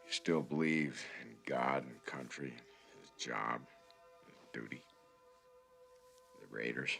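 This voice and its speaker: An actor playing a middle-aged border patrol agent, dry and laconic. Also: male voice, a bass voice, slow, gravelly, a bit bright, soft background music, heavily acted. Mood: weary. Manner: dry, laconic, world-weary. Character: weary veteran male border patrol agent.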